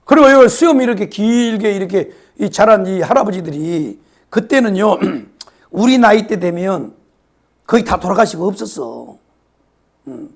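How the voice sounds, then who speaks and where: A hoarse man preaches a sermon in a gravelly, raspy voice. He repeats phrases for emphasis and at times sinks to a whisper. His pitch sits high and swings widely. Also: expressive, measured pace. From South Korea, Yeosu-Suncheon area. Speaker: pastor.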